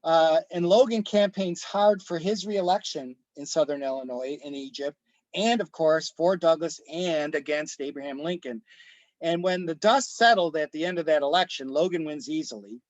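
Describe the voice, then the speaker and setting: A man's voice: a little high, moderate pace, no room sound, lo-fi sound. A man presenting a history lecture as an author, telling the story with frequent ums and restarts.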